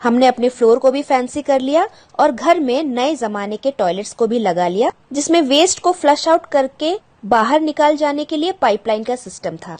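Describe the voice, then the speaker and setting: A woman's voice: high voice, lively intonation, normal speed, few pauses, darkish tone. A woman teacher patiently explaining a school textbook chapter to children, glossing English words and asking the pupils questions.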